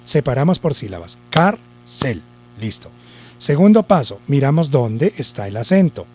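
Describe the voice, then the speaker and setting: A male teacher giving a spelling lesson to children, deliberate, repeating the rules and asking himself questions. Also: medium pitch, sing-song, dark tone, breathy edge.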